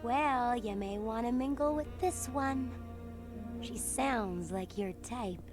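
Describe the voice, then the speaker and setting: An actress playing a casual, slangy nightclub employee who teases the boss in a video game. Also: female voice, a little high, slow pace, music in the background. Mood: teasing. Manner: informal, slangy, teasing.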